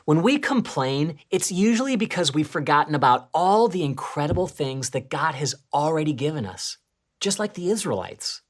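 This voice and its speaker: Low-voiced, lively woman presenting kids' lesson. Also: normal speed. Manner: expressive storytelling, swings between excited and hushed. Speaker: children's church presenter.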